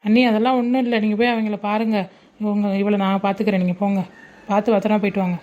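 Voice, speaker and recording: Brisk chiding woman. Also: medium pitch, level tone, darkish tone, lo-fi sound.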